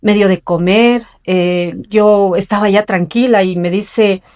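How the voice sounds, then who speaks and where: A woman's voice: medium pitch, steady tone, slow pace, a little mellow. A middle-aged woman from Ecuador, telling her own life story in an interview in an earnest way and acting out the voices of the people in it. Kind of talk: personal storytelling.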